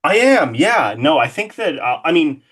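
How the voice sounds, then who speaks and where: Very animated and a little high-pitched, with a somewhat bright tone and normal speed, a horror artist guesting on a podcast chats casually about horror movies, eager and cursing freely.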